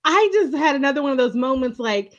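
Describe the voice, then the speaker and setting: A woman with a high voice recaps a TV episode in casual chat, emphatic and expressive. She laughs often, and the audio sounds a bit dull and lo-fi. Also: quick pace. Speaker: podcast co-host.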